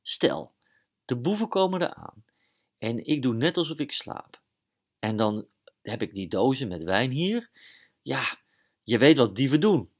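A man's voice: medium pitch, big pitch swings, measured pace, long pauses. A man playing a nervous male lookout guard in a children's story, stammering and hesitant. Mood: earnest.

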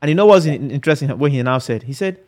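A man's voice: fairly high pitch, animated, rapid-fire, a little mellow. A man interviewing a guest, engaged and conversational, retelling an anecdote and posing long reflective questions. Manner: engaged, relays anecdotes, frequent listening murmurs.

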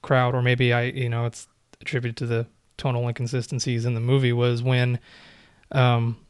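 Smooth-voiced man in casual chat. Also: medium pitch, no echo, clean studio sound. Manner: relaxed, measured storytelling with small restarts.

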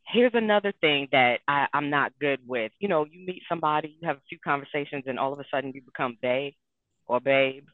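A woman's voice: deep voice, fairly quick, no echo. A woman of about fifty co-hosting a casual podcast chat, telling a dating story and acting out her own lines. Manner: animated storyteller, acts out her own quotes. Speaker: co-host. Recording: tinny phone-like line.

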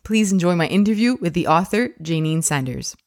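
A woman hosts a parenting science podcast, reading the intro and sponsor thanks before opening the interview with enthusiastic questions. Her voice is on the low side and fairly quick.

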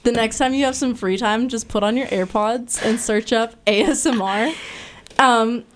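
A young adult woman hosting a casual podcast chat, talking fast and loose with lots of "like" fillers. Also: on the high side. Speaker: podcast host.

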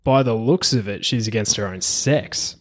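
Australian man, fairly low pitch, casual racing tipster, matey co-host chat. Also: normal speed.

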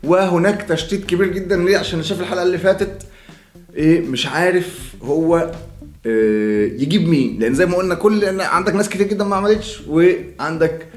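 A man's voice: high voice, quick pace, roomy sound. A man with an Egyptian accent hosting a casual chat, joking and playful. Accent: Egyptian Arabic. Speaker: host.

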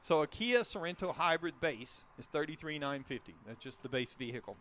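A man's voice: a little high, expressive, fairly quick, a bit bright. Chatty man giving a car review. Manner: chatty, rambling with restarts. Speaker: car show host. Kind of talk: casual car talk.

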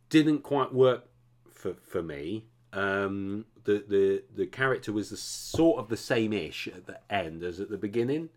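Deep-voiced man chatting about films. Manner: rambling, animated, asks "you know what I mean?". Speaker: podcast co-host. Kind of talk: casual chat about films.

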